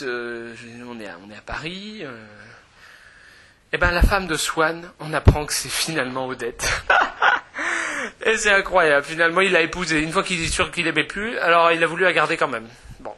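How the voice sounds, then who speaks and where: A man's voice: fairly high pitch, bright, forceful tone. A man giving a casual, hesitant spoken summary of a novel, full of fillers and self-corrections, amused and chatty. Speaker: book reviewer.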